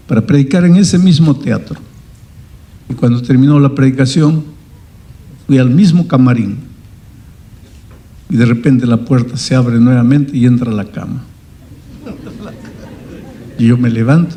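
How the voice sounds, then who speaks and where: A man, a pastor, telling a story in a sermon with dramatic rises in pitch for emphasis. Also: measured pace, pauses often, warm tone.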